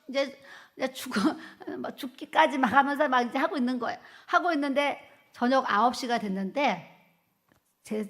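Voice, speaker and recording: A woman pastor giving a testimony sermon, telling her story vividly and acting out the quoted speech. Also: high-pitched.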